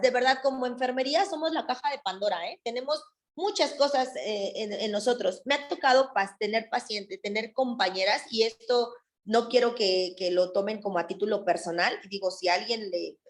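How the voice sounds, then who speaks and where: A nursing instructor with a fairly high-pitched voice gives a classroom lecture with anecdotes, speaking conversationally and often tacking on tag questions. The sound is reverberant.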